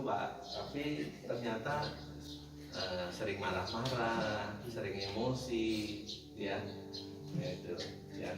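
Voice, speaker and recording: A man giving a conversational sermon, joking with his congregation. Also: mid-range voice. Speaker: preacher. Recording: echoey room, mic from a distance.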